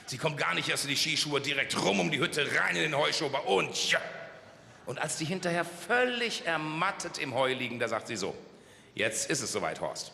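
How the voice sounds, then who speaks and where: Gravelly carnival comedian. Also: male voice, on the high side, animated, fairly quick, pushed and bright. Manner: punchy, storytelling joke delivery. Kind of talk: comic carnival speech. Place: large carnival hall. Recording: long hall reverb, faint crowd noise.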